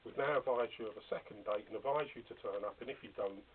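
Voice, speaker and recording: A man's voice: fairly low pitch, fast talker. An older man, an elder speaking firmly and officiously in a dispute, picked up by a hidden wire. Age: middle-aged or older. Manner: firm, insistent, officious, dismissive. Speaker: congregation elder. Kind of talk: formal dispute in a meeting. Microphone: hidden recorder on another person. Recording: muffled, hissy hidden body-wire recording.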